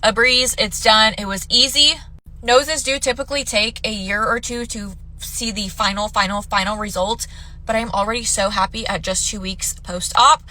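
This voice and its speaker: Woman vlogger, congested nasal tone, bright and forthright, casual chat. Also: fairly high pitch, fairly even intonation, moderate pace, rough recording. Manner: candid, chatty, talks straight to viewers. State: stuffy, congested nose.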